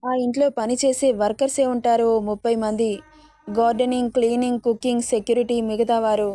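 A woman narrating a romance story in a steady, even read-aloud delivery. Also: fairly high pitch, brisk.

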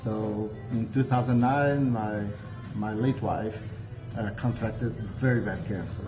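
A Portuguese man in his sixties, with a Portuguese accent, chats as an interview guest indoors at a hotel cafe with large windows. His fairly low voice is unhurried, and he rambles with frequent hesitations and restarts. The poor audio has music playing beneath his speech.

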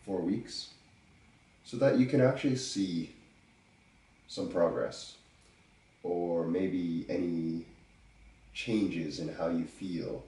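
A man's voice: deep voice, roomy sound, distant mic, low-quality recording. A man hosting his own podcast while stuffed up from a cold, talking casually and joking as he answers listener questions. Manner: relaxed, joking, thinking aloud with pauses. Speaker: podcast host. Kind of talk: casual solo podcast talk.

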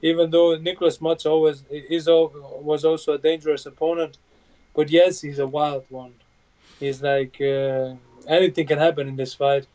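Bosnian man talking flat over a video call. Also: on the high side. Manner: plain halting speech with many fillers. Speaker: UFC fighter guest. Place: home room indoors. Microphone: video call webcam. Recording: dull lo-fi video call audio.

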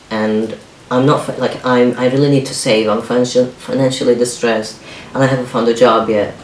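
This is a soft-spoken young man, Arabic his first language, hesitating and restarting repeatedly while he opens up in a home vlog. He speaks at a medium pitch. He's indoors in a small kitchen, captured by a camera on a stand a few feet away, giving a roomy, far-off sound with faint hiss.

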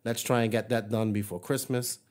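The speaker's voice is fairly low and level, with a darkish tone and a fairly quick pace. He's a podcast host from Bermuda delivering a casual solo monologue on his hobby, friendly and rambling, with plenty of fillers and false starts.

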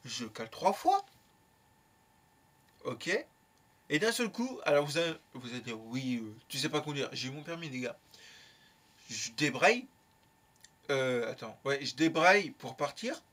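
A young man telling a casual story in a lively, slangy way, with plenty of swearing. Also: fairly high pitch, unhurried, pauses often. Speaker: YouTuber.

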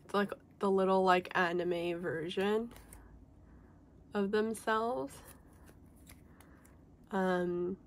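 A woman's voice: medium pitch, steady tone, drawn-out words, long pauses. A young woman chatting casually through a collectibles haul video, full of "like" and "um", her voice a little off because she is sick. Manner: chatty, many fillers like "like" and "um". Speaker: K-pop collector vlogger. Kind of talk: casual unboxing chat.

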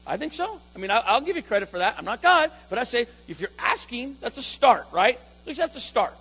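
A male pastor with a very high, husky voice delivers a sermon. He is emphatic, repeats his key lines and keeps calling out for responses from the congregation. A faint mains hum sits under the voice. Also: sing-song, brisk, pushed and bright, rough recording.

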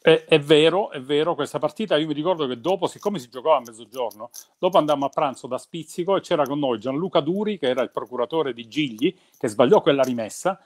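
Male former commentator, animated and emphatic, trading memories in conversation. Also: medium pitch. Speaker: former team announcer and commentator. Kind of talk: reminiscing in casual chat.

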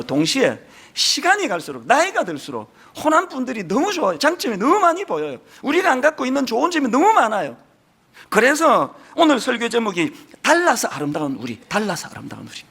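A middle-aged man preaching a sermon with a strong Gyeongsang Korean accent. His voice sits very high and sounds bright and forceful. He delivers it in an earnest, emphatic way, and his pitch swings up and down a lot. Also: huge pitch swings, brisk, husky. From Gyeongsang region, South Korea. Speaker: pastor.

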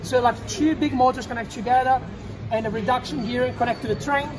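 A man in his thirties, hosting his channel in an indoor expo hall, talking excitedly in loose, rapid phrases. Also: very high-pitched. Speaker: channel host. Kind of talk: casual expo walkthrough. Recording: crowd noise behind.

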